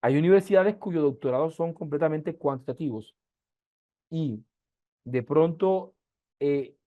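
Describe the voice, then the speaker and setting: A middle-aged man from Colombia with a softened Caribbean-coast accent, lecturing an online class over a video call and often checking in with "¿sí?". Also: a little high, dry recording, phone-quality sound. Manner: explanatory, asks "¿sí?" often, with slow emphatic stretches. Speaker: university lecturer.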